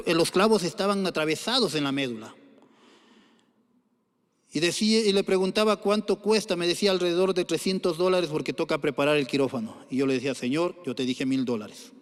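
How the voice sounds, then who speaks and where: A middle-aged man preaches to his congregation, his voice sitting high for a man. He tells family stories earnestly and swells into urgent calls to follow God. A long church-hall reverb trails each phrase. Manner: earnest storytelling with rising exhortations. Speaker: pastor. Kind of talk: sermon.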